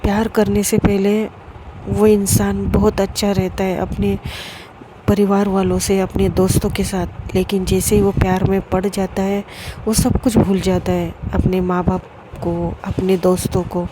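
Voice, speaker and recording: Flat-voiced woman telling a story. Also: medium pitch, unhurried, background noise. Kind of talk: storybook narration.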